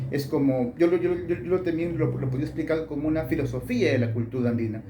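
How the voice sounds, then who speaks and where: Guy explaining his book, halting, lots of ums, mellow tone, roomy echo. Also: medium pitch, slight background noise. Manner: thoughtful, many fillers and restarts. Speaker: author being interviewed. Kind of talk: academic interview answers.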